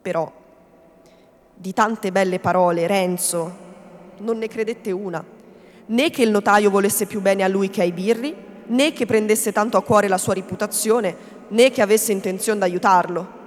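Woman reader, deliberate literary narration, recorded in a reverberant hall. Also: mid-range voice. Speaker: actress reading a novel aloud. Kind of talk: theatrical reading of a classic novel. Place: reading event in a hall. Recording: long hall reverb, faint background noise.

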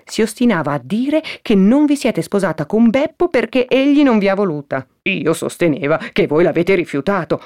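A woman's voice: medium pitch, very animated, moderate pace, hardly any pauses, a little mellow, pitched above the performer's own voice, natural voice. Woman doing a gossipy village mother. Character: shrewd village mother chatting with a neighbour.

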